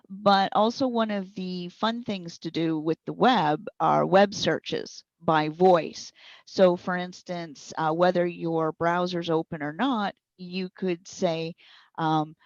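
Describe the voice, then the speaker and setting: A woman trainer specializing in speech recognition consulting explains things practically and step by step, using examples, in an interview. Her pitch is fairly low; there's no echo, but the highs are cut off.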